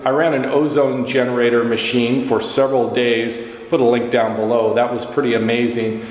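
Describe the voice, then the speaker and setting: A man with a mid-range, slightly mellow voice gives a casual, matter-of-fact tour of his own empty house for a video, listing its details one by one. The bare rooms make the audio very echoey, with a little faint noise.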